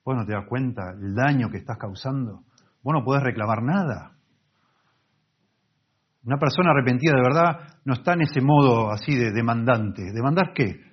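A male pastor preaches an earnest sermon. He leans on key words by repeating them. His husky voice sits mid-range on a dull, slightly muffled recording. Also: mid-range voice, moderate pace.

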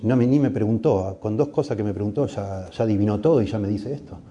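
A man's voice: fast, warm tone, highs cut off. A middle-aged man with a Rioplatense Spanish accent preaching a sermon, earnest and pleading, his voice rising for emphasis. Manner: earnest, pleading, rises in pitch and volume for emphasis. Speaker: pastor.

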